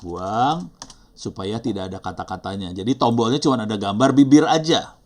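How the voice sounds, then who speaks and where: Middle-aged male instructor, Indonesian accent, lowish voice, relaxed and rambling, lots of fillers. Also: normal speed. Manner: chatty, apologetic, thinks aloud with fillers. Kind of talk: live online teaching session.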